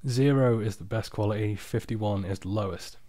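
Male, low-pitched, tired, casual screen-recording walkthrough, unpolished and informal, dry close sound. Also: normal speed, warm tone, no room sound. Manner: informal, unpolished, off-the-cuff explaining. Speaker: software tutorial presenter. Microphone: external microphone, close and dry.

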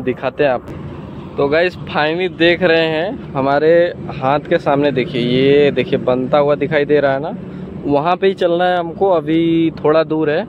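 A young man chatting casually to viewers in a walking vlog, filmed outdoors on a phone held at arm's length. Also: medium pitch. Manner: chatty, addresses viewers directly. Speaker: vlogger. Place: outdoors by a highway and fields. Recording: dull lo-fi phone audio, faint outdoor noise.

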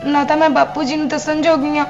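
An actress playing a crying young wife. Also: female voice, high voice, little pitch movement, quick pace, dull audio. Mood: tearful. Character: tearful young wife left alone. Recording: music behind.

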